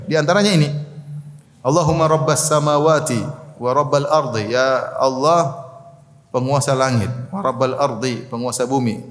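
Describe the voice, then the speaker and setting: Man preaching in an echoey hall. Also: mid-range voice. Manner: recites Arabic prayers then translates them, jokes with the audience. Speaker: Islamic preacher. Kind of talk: religious study lecture. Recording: echoey hall with long reverb.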